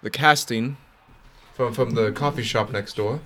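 A man voicing a calm, stern male cleric who talks politely and haltingly in a tabletop game. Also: medium pitch, natural voice. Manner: polite, halting, with many restarts. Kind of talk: tabletop role-play.

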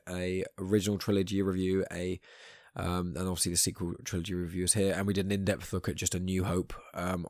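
A British man with a deep, croaky voice talks as a podcast host in a hushed, low-key way. His delivery is quick and casual, rambling along informally. The sound is close and dry. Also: no room sound.

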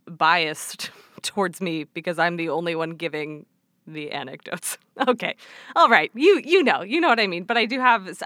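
A woman's voice: fairly low pitch, pushed and bright, clean tone, no echo, clean studio sound. A young woman hosting a casual solo podcast, rambling and breaking off her own sentences, often laughing at herself. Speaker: podcast host.

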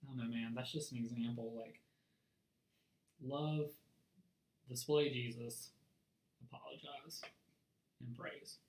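A man's voice: medium pitch, fairly even intonation, takes it slowly, pauses often, darkish tone, echoey room, rough recording. A young man co-hosting a casual faith podcast, joking around with friendly slang and frequent laughs. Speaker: podcast co-host.

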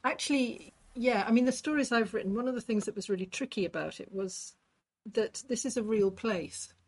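A woman's voice: a little high, a little fast, darkish tone, breathy edge, rough recording. A middle-aged or older woman chatting casually and reflectively, often qualifying her thoughts as she goes. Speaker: writer in conversation. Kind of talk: casual chat.

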